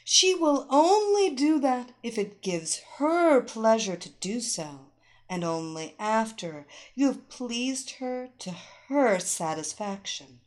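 Brief: a woman playing a dominant woman hypnotist, firm and unhurried, audio story. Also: a little high, big pitch swings. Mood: commanding. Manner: slow, firm, commanding.

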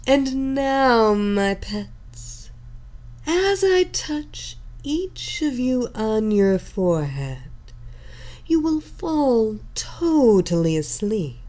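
A woman plays a seductive female hypnotist in an audio story, possessive and in command. Her sultry, hypnotic voice lingers on every word at a very slow pace. She repeats her commands again and again, pulling the listener under. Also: on the high side, very animated, mellow, exaggerated voice.

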